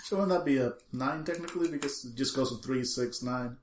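A man's voice: medium pitch, a little fast, reverberant, a little hiss or hum. A man playing a tabletop game, talking casually and restarting a lot as he works through rules. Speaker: player.

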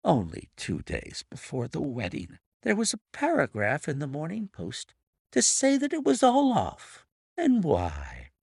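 A man performs a silky, middle-aged blackmailer who purrs his threats with false pity. The voice sits noticeably higher and glides through big rises and falls at an unhurried pace. A gravelly edge runs under the oily charm, recorded dry and close. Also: huge pitch swings, a little mellow, no room sound, heavily acted. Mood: mock-pitying. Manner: oily, unctuous, mock-sympathetic. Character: smug, purring male blackmailer, middle-aged. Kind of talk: audiobook character reading.

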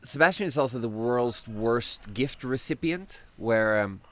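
A Swedish podcast host in his thirties chats casually, laughing often as he tells rambling anecdotes. His medium-pitched voice is animated, a bit bright, and unhurried.

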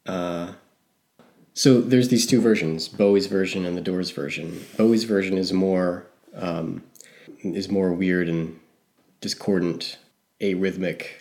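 A man's voice: low voice, steady tone, measured pace, darkish tone. A man co-hosting a casual music talk show, rambling and correcting himself as he goes. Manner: rambling, self-correcting, hedging. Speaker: podcast co-host.

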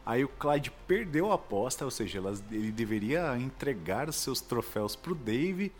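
A man's voice: medium pitch, sing-song, normal speed. A man with a Brazilian Portuguese accent co-hosting a podcast, retelling a game's plot with mock drama. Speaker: podcast co-host. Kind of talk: casual comedic podcast banter.

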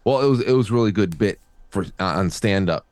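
A man hosting a casual chat, rambling with halting restarts. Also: fairly low pitch, a little mellow, no echo. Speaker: host.

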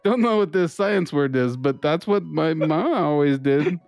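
A man's voice: fairly high pitch, animated, unhurried, darkish tone. A man playing a tabletop role-playing game, joking around with the group. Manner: playful, laughs often. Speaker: player. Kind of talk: casual in-character banter.

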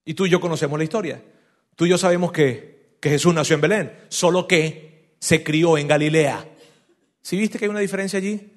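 Animated pastor preaching. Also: male voice, a little high, a little fast. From Venezuela. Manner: animated storytelling, acting out voices, direct questions to listeners. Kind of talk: sermon.

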